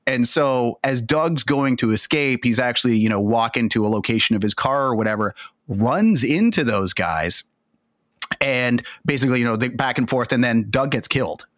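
A man hosting a casual film podcast, explaining plot details at length in a relaxed conversational way. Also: mid-range voice, moderate pace, dry recording. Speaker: podcast host.

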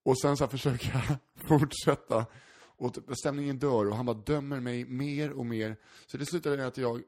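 Give me a laughing, animated male storyteller. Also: medium pitch. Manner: animated, acts out voices in anecdotes, swears freely; laughs often while talking. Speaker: stand-up comedian, podcast co-host. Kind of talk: casual storytelling chat.

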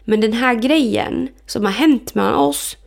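A woman's voice: a little high, creaky. A woman co-hosting a podcast, chatting casually and acting out quoted conversations as she tells stories. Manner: animated storytelling, acts out quoted dialogue. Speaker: podcast co-host. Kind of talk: casual chat.

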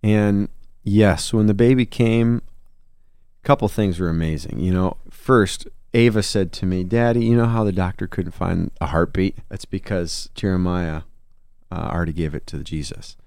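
Earnest low-voiced man telling a story. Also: fairly even intonation, moderate pace, darkish tone, smooth, dry recording, clean studio sound. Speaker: guest; songwriter and musician. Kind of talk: conversational interview.

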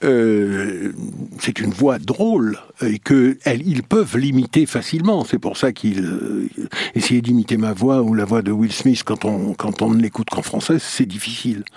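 A man, a dubbing actor, talking as a guest in a casual interview, animated but often restarting his sentences. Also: fairly low pitch, normal speed, few pauses, breathy edge, no echo. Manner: hesitant, many repeated starts, animated storytelling.

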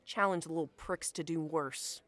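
A woman's voice: low voice, normal speed, fairly bright tone. An actress playing a blunt, foul-mouthed woman cook who answers with crude, sarcastic jabs, in a fiction podcast drama. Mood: defiant.

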